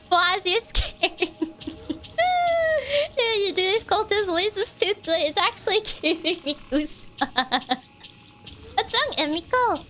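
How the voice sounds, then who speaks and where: A woman's voice: very high-pitched, lively intonation, slow, pauses often, sharp tone, slight background noise. A woman game streamer giving casual, playful live commentary in a chatty, giggly way.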